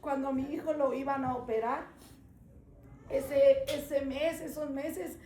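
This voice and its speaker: A middle-aged woman pastor giving an earnest testimony sermon to a gathering in a home, building to fervent, emphatic calls. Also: high voice. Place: living room of a full house gathering. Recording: echoey room with faint room noise.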